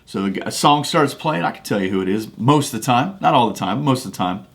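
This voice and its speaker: A man hosts a faith-based podcast, speaking into a studio microphone. He talks in a casual, folksy way, restarting phrases as he tells a personal story. His pitch sits in the usual middle range for a man. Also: animated, fast talker. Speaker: podcast host.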